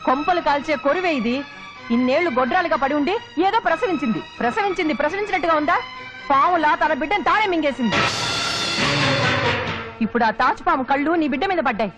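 An actress playing a sharp-tongued, scheming mother who curses bitterly and puts on melodramatic wailing. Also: high voice, expressive, fast, music in the background. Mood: venomous. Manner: scolding, melodramatic cursing and fake wailing. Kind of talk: TV serial comedy acting.

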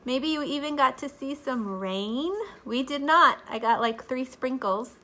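Speaking at a measured pace in a high, sharp-toned voice, this woman in her thirties gives a children's Bible lesson at home. She sounds a bit congested from allergies and uses a sing-song teacher voice, recorded at close range by a webcam or phone camera in her living room.

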